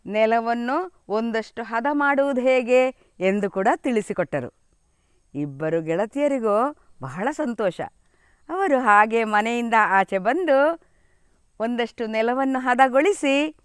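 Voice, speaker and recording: A middle-aged woman reads a children's story slowly, in a smooth, clear voice. Her delivery is lively, and she keeps asking the young listeners questions. The recording is dry and close. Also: fairly high pitch, no room sound.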